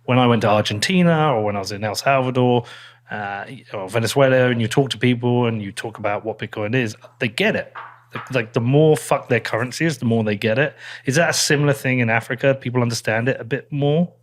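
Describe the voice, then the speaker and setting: Blunt podcast host. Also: male voice, mid-range voice. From England. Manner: blunt, curious, asks quick questions, swears casually. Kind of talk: casual conversational interview.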